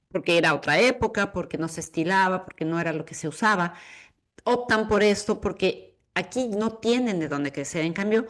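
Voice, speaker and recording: A woman from Ecuador, hosting a podcast interview in an enthusiastic, reflective way. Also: fairly low pitch. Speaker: podcast host. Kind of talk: interview conversation.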